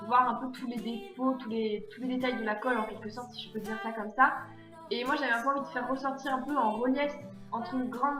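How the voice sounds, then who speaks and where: Hesitant woman narrating a craft tutorial. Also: fairly high pitch. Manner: hesitant, full of fillers and self-corrections. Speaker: DIY craft vlogger. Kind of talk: DIY tutorial voice-over. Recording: echoey room with background music. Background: guitar music.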